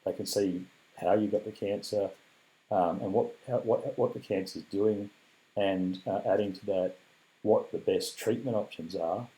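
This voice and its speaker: An Australian man who has cancer and is recovering from illness gives a casual, heartfelt video update. His deep, mellow voice is scratchy and weak, and he rambles earnestly, saying "um" a lot and thanking people often.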